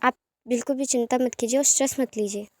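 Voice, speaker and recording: A woman plays a brisk young secretary who takes charge, steady and firm as she reassures and gives orders. The voice is high and clear, recorded dry and close. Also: dry recording, close to an everyday voice. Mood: reassuring.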